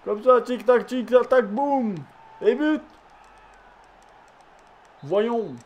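A tired man, commentating his football video game casually and excitably, shouting at the referee. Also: very high voice, extremely slow, muffled recording. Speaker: gaming YouTuber.

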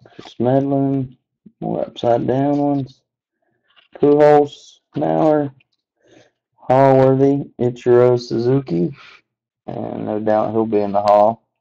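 Casting: unhurried man with a mellow, gravelly voice, lo-fi sound, listing names as he goes. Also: mid-range voice. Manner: slow, relaxed listing of names with asides. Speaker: card box breaker. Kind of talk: unscripted card-opening commentary.

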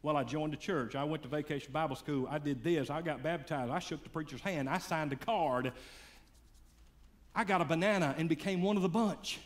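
A man preaching a sermon, swinging between loud fiery calls and hushed, quiet lines. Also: fairly high pitch, brisk. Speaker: pastor.

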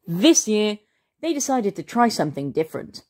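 A woman reading a children's storybook aloud in a slow, expressive way, as the channel's storyteller. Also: mid-range voice.

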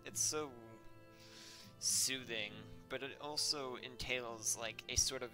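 A man hosting a casual let's-play gaming video, excitable and full of exclamations. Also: mid-range voice, takes it slowly. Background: faint game music.

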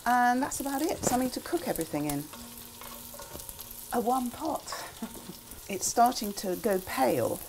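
An older woman with a relaxed, chatty manner, talking through a recipe in a small kitchen. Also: medium pitch, slight background noise. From England. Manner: chatty, relaxed asides with frequent ums. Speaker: cookbook author demonstrating a recipe. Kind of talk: casual cooking demonstration. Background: food sizzling in a pan.

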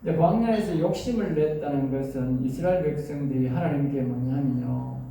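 A man preaching a Bible lecture to a class, often stopping to quiz his listeners with quick questions. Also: fairly high pitch, gravelly, dark tone. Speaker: preacher teaching at a seminary. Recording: very echoey room, mic far off, faint noise.

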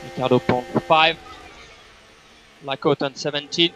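A man's voice: a little high, fairly even intonation, unhurried, sharp tone, slight background noise. A man working as race engineer, giving terse, repetitive, clipped instructions over race car team radio. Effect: team radio transmission.

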